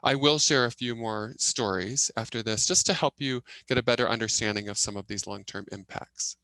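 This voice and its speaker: A man voicing a deaf presenter's signed talk as a live interpreter, in a halting way with fillers and restarts as he keeps up with the signing. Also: medium pitch, pushed and bright, no room sound, rough recording. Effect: live interpreter voice, speaking a signer's words as they come.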